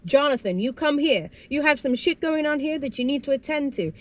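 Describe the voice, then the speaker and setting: A woman's voice: medium pitch, lively intonation, quick pace, warm tone, natural voice. A woman voicing a stern middle-aged mother who firmly scolds her son. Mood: stern scolding. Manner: firm, scolding.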